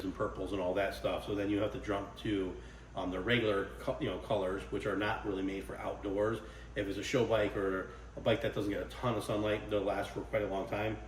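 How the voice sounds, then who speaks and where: Hoarse, low-voiced New man rambling. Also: steady tone, fairly quick, a little hiss or hum. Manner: rambling, conversational, lots of fillers. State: hoarse, recovering from illness. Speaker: custom motorcycle seat maker. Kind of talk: casual workshop vlog talk.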